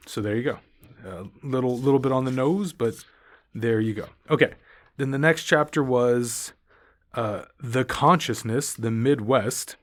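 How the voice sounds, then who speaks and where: A man in his thirties hosting a podcast, giving casual, opinionated and rambling thoughts on a book he just finished. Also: medium pitch. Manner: opinionated, rambling, dismissive asides. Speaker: podcast host. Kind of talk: casual solo book review.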